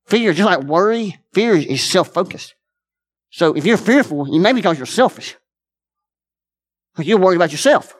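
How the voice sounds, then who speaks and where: Earnest preacher, shifting pace. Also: male voice, high-pitched, expressive, normal speed, long pauses. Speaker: pastor. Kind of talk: conversational sermon. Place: church.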